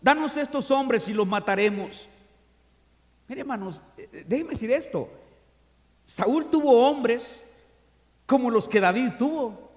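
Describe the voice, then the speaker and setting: At an evening service, a pastor with a high, ringing voice reads scripture aloud and speaks directly to his congregation, swinging between loud, rousing proclamations and hushed, confiding asides. He speaks a little slowly, with lively intonation and long pauses. A long, lingering reverb fills the large church hall.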